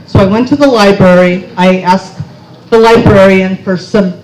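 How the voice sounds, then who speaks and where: A middle-aged woman speaks at a conference, telling a personal story in a chatty, self-mocking way. She keeps checking in with the audience by asking "okay?". Her voice sits at a middle pitch and echoes around a roomy hall. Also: normal speed, darkish tone, faint music behind.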